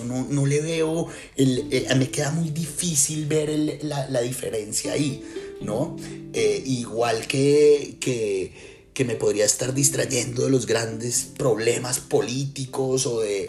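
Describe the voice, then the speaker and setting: A man from Colombia with a Colombian accent, a writer and lecturer musing in a casual, thoughtful way with many pauses and restarts. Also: medium pitch, a little mellow. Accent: Colombian Spanish. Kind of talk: casual reflective talk. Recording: music clearly behind.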